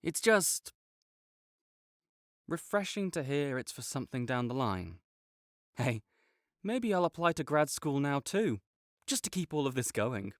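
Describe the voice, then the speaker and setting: A young adult man with a mid-range voice, working as a voice actor in an audio roleplay, plays a competitive male student rival. He sounds teasing and bossy, then grows flustered and defensive, speaking in a sing-song, slightly slow way with frequent pauses. The recording is studio quality with no room sound, and the mood is teasing.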